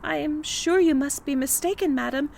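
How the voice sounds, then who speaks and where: A woman's voice: high voice, moderate pace, creaky, darkish tone, pitched above the performer's own voice. A woman voicing a polite, timid young peasant girl in a storybook reading, speaking earnestly with a slight tremble.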